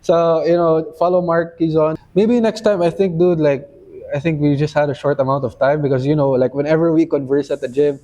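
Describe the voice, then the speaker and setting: A man's voice: a little high, fairly even intonation, brisk, warm tone. A man hosting a podcast in casual chat, talking loosely with lots of "you know" fillers. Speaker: podcast host. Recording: dull lo-fi sound.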